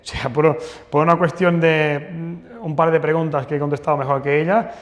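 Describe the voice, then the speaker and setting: With a somewhat high voice and moderate pace, a Portuguese-born plastic surgeon from the country's north recounts lively stories in a casual interview. His delivery is hesitant, full of restarts and fillers, all heard within a long hall reverb.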